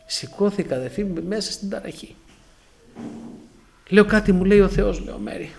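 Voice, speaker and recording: Animated high-voiced man preaching. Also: creaky, slight background noise. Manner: animated storytelling with acted-out dialogue and exclamations. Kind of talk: sermon testimony.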